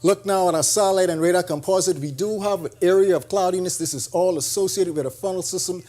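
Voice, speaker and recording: A man's voice: sits high, fast talker, mellow. Upbeat Bahamian male weather forecaster. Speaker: meteorologist.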